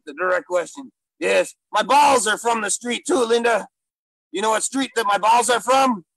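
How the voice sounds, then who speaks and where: A man voicing a gruff, silly male gorilla who wants to be a stand-up comic, talking in broken English with loud bursts. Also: high-pitched, animated, normal speed, no room sound, exaggerated voice, low-quality recording. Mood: boastful. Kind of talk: improvised comedy character interview.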